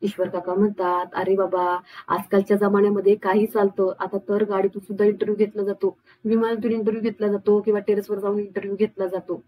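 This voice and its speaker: Female narrator recaps a serial in an even tone, close dry mic. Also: mid-range voice, fast talker, slightly rough, no echo, narrow, tinny audio. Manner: even, steady retelling, reads characters' lines without distinct voices. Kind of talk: storytelling recap with quoted dialogue.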